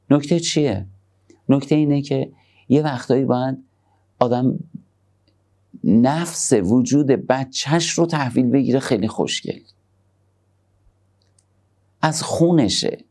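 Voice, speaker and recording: Gravelly-voiced man preaching gently. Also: medium pitch. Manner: conversational preaching, shifts between soft tender asides and emphatic points. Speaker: religious speaker. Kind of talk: sermon on parenting.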